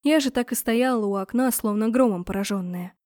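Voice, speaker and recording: Higher-voiced woman narrating a story. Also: a little fast, darkish tone, dry recording, clean studio sound. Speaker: audiobook narrator. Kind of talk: first-person storybook narration.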